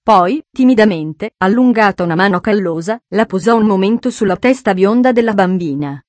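Woman narrating a story calmly. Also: mid-range voice, normal speed, no room sound. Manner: calm, even storytelling. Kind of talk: audiobook narration.

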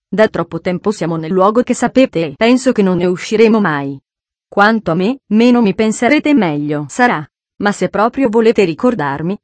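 In a storybook reading, a woman plays a gentle, modest young woman who speaks softly and with restraint. The voice is recorded close and dry. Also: mid-range voice, no room sound, natural voice.

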